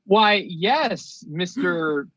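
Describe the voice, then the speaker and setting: Higher-voiced guy, dry and laid-back. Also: very animated, extremely slow, fairly bright tone, husky, no echo. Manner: dry, laid-back, steers the show along. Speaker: podcast co-host. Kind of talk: casual chat. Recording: dry, slightly dull lo-fi audio.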